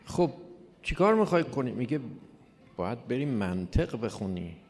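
A man giving an informal religious lecture, telling it with rhetorical questions and mocking asides. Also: medium pitch. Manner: rhetorical, mocking, lively storytelling. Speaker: religious speaker. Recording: long hall reverb.

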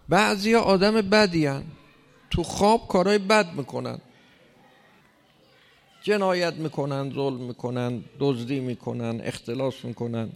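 A man's voice: sits high, vocal fry. A man preaching a sermon in an emphatic way, pushing hard on key lines. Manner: emphatic, rising to loud stresses. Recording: long hall reverb.

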